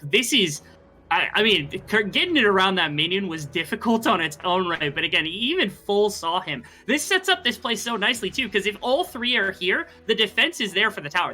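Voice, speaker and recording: A fast-talking esports caster with a bright, forceful voice and middling pitch. The delivery is live game commentary, conversational and analytical, running through long explanations. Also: poor audio.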